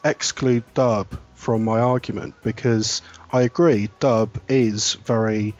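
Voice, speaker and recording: A man's voice: lowish voice, steady tone, slow pace, darkish tone, highs cut off. A man who is a regular panelist on a podcast, giving strong opinions in a casual, argumentative way.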